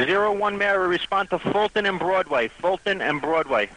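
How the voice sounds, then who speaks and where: A man's voice: high-pitched, animated, normal speed, pushed and bright. A man working as an emergency dispatcher, giving procedural directions over a two-way radio. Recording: slightly noisy emergency radio channel. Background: radio noise.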